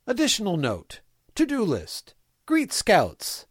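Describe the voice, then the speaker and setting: A man's voice: high-pitched, wildly swooping pitch, takes it slowly, slightly rough, no room sound, clean studio sound, full character voice. A man voicing a folksy, fatherly villain mayor who dictates his diary in clipped, prim phrases for a comic reading. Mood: brisk, upbeat. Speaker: reader of a fan fiction comedy podcast.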